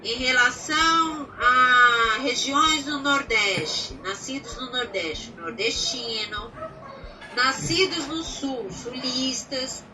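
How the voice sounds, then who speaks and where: A woman's voice: high-pitched, slow, distant mic, noisy background. A woman teacher from Brazil, patiently explaining grammar step by step and checking in with her students. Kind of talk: recorded grammar lesson.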